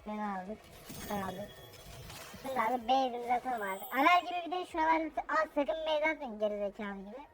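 A gamer with a pitched-up helium voice effect, giving casual, cocky, crude gameplay commentary with slang and swearing. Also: fairly quick, a bit bright. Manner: cocky, crude, mock-tutorial. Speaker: gaming video creator commentating own gameplay.

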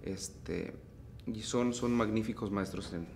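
A man with a Mexican accent, a mariachi singer teaching vocal technique in an unhurried, relaxed way. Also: on the low side, gravelly, a little hiss or hum. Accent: Mexican Spanish. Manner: unhurried, explains phrasing, breaks into singing. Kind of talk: relaxed vocal tutorial with sung demonstrations.

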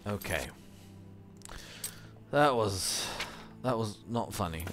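A man's voice: lowish voice, lively intonation, slow pace, fairly bright tone. A man casually commenting on his own gameplay in a let's play, muttering and laid-back, now and then swearing.

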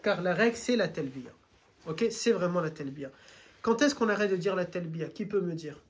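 A man guiding a group on a train, explaining in a lively, teacherly way and asking them questions. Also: high voice, moderate pace. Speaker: religious guide. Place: train carriage.

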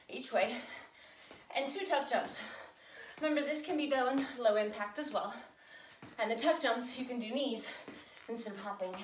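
A woman in her thirties working as a fitness instructor, calling out encouragement and instructions while exercising. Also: fairly high pitch. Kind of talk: workout coaching. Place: home garage gym. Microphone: camera several metres away. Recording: echoey room, distant mic, background noise.

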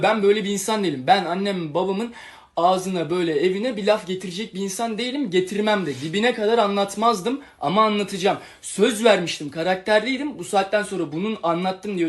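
A young man talking on a livestream, telling a long personal story in an agitated, rambling way and acting out the quarrels he recounts. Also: high voice. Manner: agitated, rambling, retells quarrels with quoted lines. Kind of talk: emotional livestream monologue.

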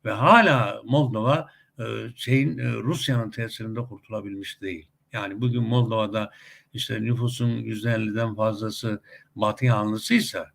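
Gravelly, husky man telling stories. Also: lowish voice, steady tone, normal speed, a bit bright. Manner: talkative, many hesitation sounds, rising emphatic outbursts. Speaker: commentator on a web TV channel. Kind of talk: casual spoken commentary with anecdotes.

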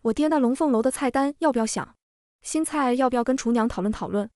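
A woman voicing a lively, chatty young woman quick to defend herself in an audio comic. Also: fairly high pitch, dry recording, studio quality, lightly acted. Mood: defensive.

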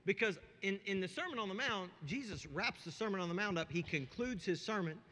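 A male pastor preaches with a fairly high, animated voice, dropping to near-whispered asides and rising to shouts. His tone is piercingly bright with a husky edge. The sound carries the long reverb of a large church hall. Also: brisk. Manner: swings from hushed asides to shouted emphasis; conversational, checks in with the congregation. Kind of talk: sermon.

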